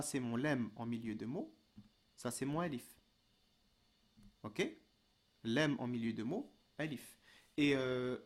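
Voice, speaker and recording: A man teaching reading in a relaxed, informal way, checking in often and drawing out syllables. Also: medium pitch. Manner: patient, informal, addresses the learner as tu with frequent "d'accord?" and "ok?"; drawn-out syllable demonstrations. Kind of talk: online lesson.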